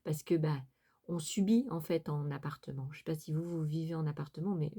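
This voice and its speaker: A woman's voice: low voice, steady tone, a little fast, dark tone, breathy edge. A middle-aged woman from France vlogging about her crafts, chatting casually to viewers with many fillers and restarts.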